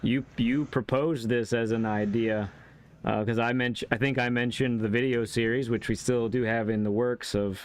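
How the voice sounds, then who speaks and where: Male gaming stream host, smooth clear voice at average pitch, casual and slightly halting. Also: steady tone. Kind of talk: casual live stream chat.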